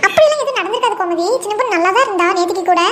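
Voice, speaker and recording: A steady, reassuring village neighbor in a cartoon, put on by a woman. She speaks in a high voice at a quick pace. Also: slight background noise. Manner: calm, reassuring.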